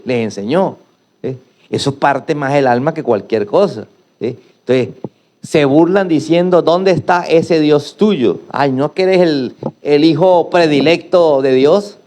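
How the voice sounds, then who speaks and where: A man's voice: medium pitch, mellow. A middle-aged male pastor preaching a sermon, emphatic and prompting the congregation to repeat after him.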